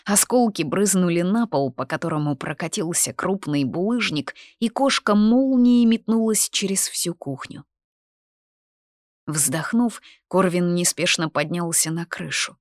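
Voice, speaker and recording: A woman with a low voice reads a fantasy audiobook. Her storytelling is expressive and at times drops to a hush. The recording is dry and close, with no room sound. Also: a little slow, dry recording. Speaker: audiobook narrator. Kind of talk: scripted fantasy audiobook narration.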